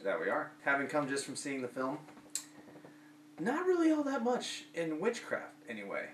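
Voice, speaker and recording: A man's voice: on the high side, big pitch swings, moderate pace, fairly bright tone. Rambling male film reviewer in an echoey room. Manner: rambling, many fillers and restarts. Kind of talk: casual film review chat. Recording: roomy, distant mic, faint hum.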